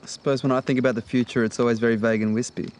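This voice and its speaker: A man's voice: medium pitch, flat delivery, very fast, a little mellow, close to an everyday voice. An actor playing a laid-back, slightly awkward teenage boy in his late teens who hedges with ums, in film dialogue. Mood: easygoing. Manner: hesitant, with many ums, and easygoing. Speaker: high school student.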